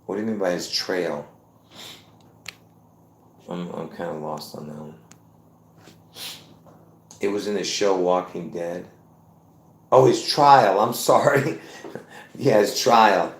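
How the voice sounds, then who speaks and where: A livestream host in his fifties speaks in a low-pitched voice, taking it slowly and pausing often. He rambles insistently and repeats himself as he calls his viewers folks, and the room gives his voice an echo.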